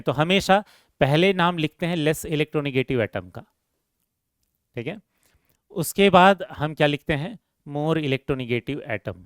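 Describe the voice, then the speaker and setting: A man lecturing a chemistry class in a smooth, resonant voice set a little high. He keeps asking his students questions and answering them himself, repeating key terms as he goes. The sound is close and dry, with no room echo. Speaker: chemistry teacher.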